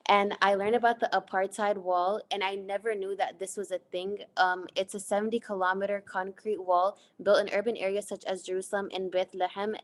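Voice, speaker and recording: A young woman from the United States, presenting a class project in an earnest way, reading from her slides with frequent fillers. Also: mid-range voice. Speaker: student presenter.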